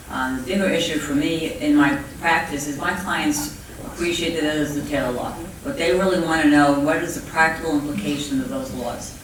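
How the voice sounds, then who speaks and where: A middle-aged or older speaker from Brooklyn, New York, talks off the cuff on a panel in an indoor conference room with an audience, sounding like a seasoned negotiator explaining things plainly and emphatically. The medium-to-ambiguous voice is distant from the mic, with heavy echo and faint noise.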